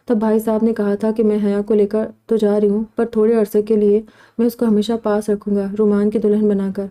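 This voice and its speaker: Fond middle-aged aunt and mother, read by a woman, warm-dark and level. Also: medium pitch, little pitch movement, natural voice. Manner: affectionate, gently joking.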